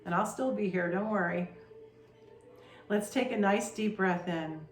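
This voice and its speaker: A woman guides a meditation in a gentle, soothing voice at a very slow, unhurried pace. Her voice sits at an ordinary middle pitch. It carries a roomy echo, with soft music faintly underneath.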